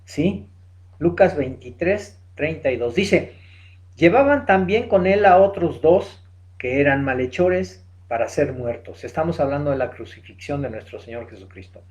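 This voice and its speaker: A man with a high-pitched voice preaching from the pulpit. He reads the scripture passage aloud, then expounds on it, posing rhetorical questions to the congregation and addressing them as brothers. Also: lively intonation, unhurried, darkish tone. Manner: addresses listeners directly as brother. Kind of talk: sermon.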